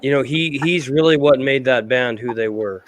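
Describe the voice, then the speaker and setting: A man's voice: medium pitch, moderate pace, a little hiss or hum. A man in his forties chatting casually on a livestream, easygoing and profane. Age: 40s.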